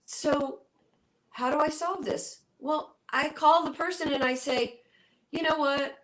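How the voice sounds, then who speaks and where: A woman's voice: high-pitched, a little slow, a bit bright, poor audio. A middle-aged woman speaking as a guest on an interview show, acting out her inner dialogue in quoted voices as she explains. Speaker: guest, spiritual healer and coach. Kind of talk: conversational interview.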